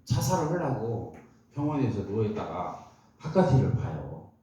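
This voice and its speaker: A man's voice: lowish voice, very animated, a little slow, dark tone. A man giving a motivational talk to an audience, telling stories and asking the crowd questions. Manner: storytelling, asks the audience questions. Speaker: motivational speaker. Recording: very echoey room, heard from a distance.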